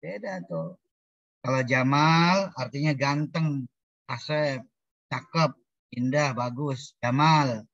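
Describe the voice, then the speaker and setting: A man's voice: medium pitch, slow pace, long pauses, a bit bright, dry recording, highs cut off. A male lecturer teaching an online class, explaining step by step with lots of repetition and playful wordplay over video call audio. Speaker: Islamic studies lecturer.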